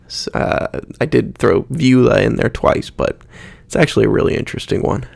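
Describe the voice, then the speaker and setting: A man explaining pronunciation in a lesson, saying example words slowly and repeating them. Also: mid-range voice, gravelly, darkish tone, dry recording. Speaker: Spanish pronunciation teacher. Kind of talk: instructional explanation with spoken examples.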